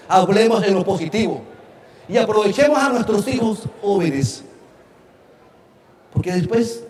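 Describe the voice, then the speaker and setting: A man giving a motivational talk to parents, earnest and speaking straight to his audience. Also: sits high. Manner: earnest, addresses audience directly, acts out quoted voices. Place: conference venue. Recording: roomy hall with faint noise.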